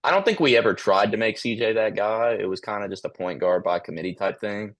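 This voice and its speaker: Monotone man on a sports podcast. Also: lowish voice, brisk, no room sound. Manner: hesitant, many ums and restarts. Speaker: podcast co-host. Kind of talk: casual sports chat.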